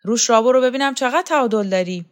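A woman's voice: a little high, pitched above the performer's own voice, close to an everyday voice. A woman voicing a bossy older servant woman who mocks and barks orders at a girl in an audiobook. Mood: scolding. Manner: harsh, mocking, barking orders.

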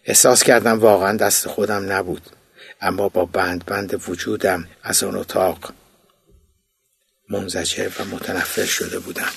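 A man, the author, reading his own memoir as an audiobook in a recording studio, in a low, subdued storytelling manner. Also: little pitch movement, creaky, breathy edge, no echo.

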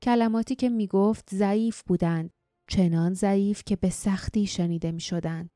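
A woman reading a fantasy audiobook in steady, measured narration. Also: medium pitch, dry recording, studio quality, soft background music.

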